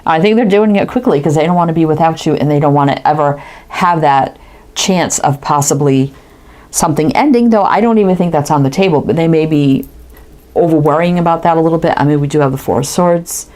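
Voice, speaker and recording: Low-voiced woman giving a tarot reading. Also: a little fast, darkish tone. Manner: musing aloud, frequent "right?" tags. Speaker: tarot reader.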